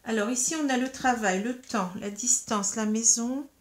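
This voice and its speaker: A woman tarot reader guiding viewers through a card reading in a soft, calm, instructive way, hesitating often with fillers and restarts. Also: on the high side, moderate pace.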